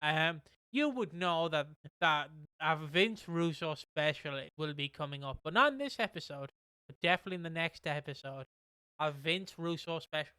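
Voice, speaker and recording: A man's voice: on the high side, animated, moderate pace, pushed and bright, smooth, no room sound. A man hosting a casual podcast, rambling along with lots of fillers and restarts. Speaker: podcast host.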